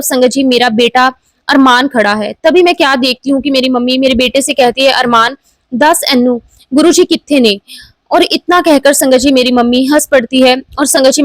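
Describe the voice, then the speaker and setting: High-voiced woman telling a devotional story. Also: dry recording, poor audio. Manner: earnest storytelling, often addressing listeners as "sangat ji". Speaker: devotee sharing a testimony. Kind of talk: devotional personal testimony.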